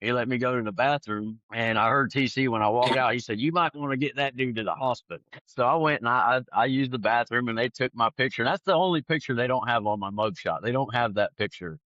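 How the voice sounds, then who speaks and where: A man telling his testimony in an animated, conversational way. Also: mid-range voice, fast, hardly any pauses, dry recording, muffled recording. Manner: animated, acts out other people's lines. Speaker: guest sharing his testimony. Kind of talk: conversational storytelling.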